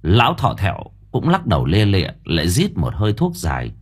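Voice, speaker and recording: A man narrating an audiobook story in a dramatic, expressive storytelling manner. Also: sits low, brisk, breathy edge.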